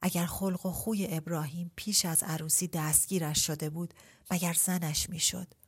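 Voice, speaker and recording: A woman reading a literary novel aloud in a measured, reflective way, posing rhetorical questions. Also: fairly low pitch, steady tone, slightly rough. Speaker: audiobook reader. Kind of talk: literary story narration.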